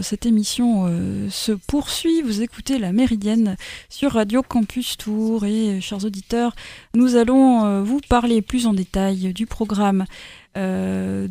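A woman hosting a community radio talk show, speaking with frequent hesitant pauses and fillers. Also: medium pitch, dark tone, no echo. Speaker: radio host.

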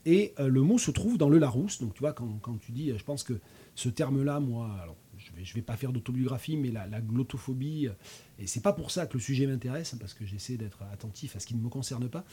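A man's voice: mid-range voice, expressive, fairly quick, dark tone, breathy edge. A man in his fifties with a regional French accent, hosting a casual chat, hesitant, with many fillers and restarts. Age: 50s. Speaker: host.

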